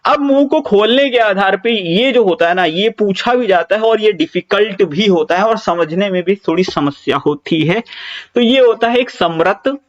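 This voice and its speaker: Guy with a high voice teaching grammar for exams, keeps repeating stuff, drags out the vowel sounds, kinda dull lo-fi audio. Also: moderate pace. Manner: explanatory, repeats points, stretches out example sounds; casual reassuring asides. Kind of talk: exam-prep grammar lecture.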